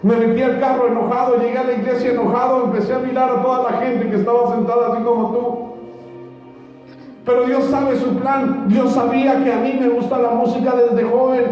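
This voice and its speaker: A man with a high voice gives an earnest church testimony, repeating phrases and speaking straight to the congregation. He is heard from far off in a large hall with heavy echo and a long reverb. The sound is muffled, with music playing faintly behind. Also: little pitch movement, fairly quick. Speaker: speaker giving a conversion testimony.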